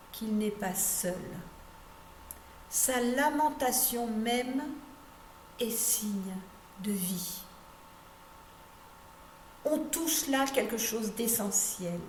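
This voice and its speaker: Woman pastor, slow meditative sermon, rather high voice, echoey room recording. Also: a little mellow. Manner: measured, emphatic on key phrases, voice dropping at sentence ends. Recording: echoey room with faint background noise.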